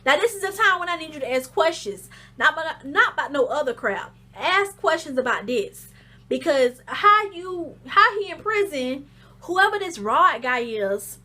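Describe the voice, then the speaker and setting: A woman giving a casual, slangy recap of a reality show, telling it as a lively story full of fillers. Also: high voice, normal speed. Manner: animated storytelling, acts out the show's scenes in shrieky voices; loose slangy talk with fillers. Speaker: reality TV reviewer.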